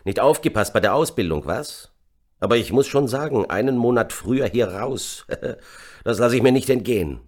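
A man's voice: deep voice, moderate pace. A man putting on a gleeful callous soldier. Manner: jeering, cheerful about killing. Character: gleeful callous young male soldier, grinning.

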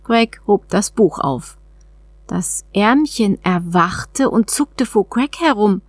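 A woman reading a children's story aloud in a calm, even way. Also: medium pitch, slow, no echo. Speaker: narrator. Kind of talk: audiobook narration.

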